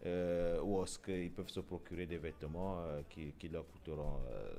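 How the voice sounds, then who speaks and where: A deep-voiced man hosts a casual talk show in Europe, speaking at a moderate pace. He sounds hesitant, with lots of repeated words and fillers.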